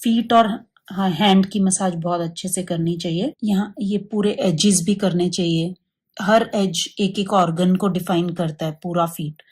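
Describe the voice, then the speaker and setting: A woman demonstrating baby massage in a hushed, soft-spoken way, often checking in with her listener. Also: lowish voice, steady tone, measured pace, slightly rough.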